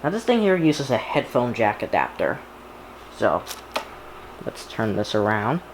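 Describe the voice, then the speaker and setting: This hobbyist video creator presents an unboxing with casual, hands-on commentary, chatting informally through each small action as he goes. His voice sits fairly low and sounds very animated, though his pace is unhurried. Background noise can be heard.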